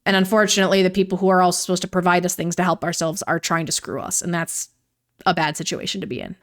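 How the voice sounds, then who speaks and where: A woman's voice: lowish voice, fairly even intonation, quick pace. A young woman, giving a casual vlog commentary in a ranting, sarcastic way and swearing freely. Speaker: YouTuber.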